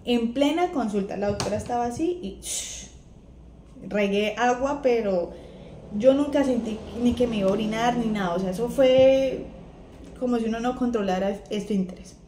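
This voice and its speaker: A young woman with a Colombian accent, on the high side and at a moderate pace, casually tells a personal story and acts out what other people said in a chatty, animated way. She's a vlogger, recorded in an echoey room with faint ambience and a little hiss or hum.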